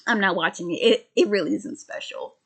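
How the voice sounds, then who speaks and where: A woman's voice: medium pitch, brisk, fairly bright tone, breathy edge. A woman of twenty-five ranting casually to camera, rambling and sardonic, with many restarts and stammers. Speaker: vlogger.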